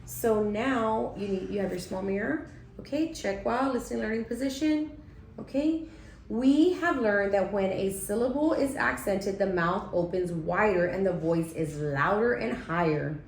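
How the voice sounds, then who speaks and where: A woman's voice: mid-range voice, unhurried, slight background noise. A woman teacher giving a demonstration reading lesson, patiently checking in with her class as she goes. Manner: patient, checks in often with "okay?". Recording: echoey room, faint ambience.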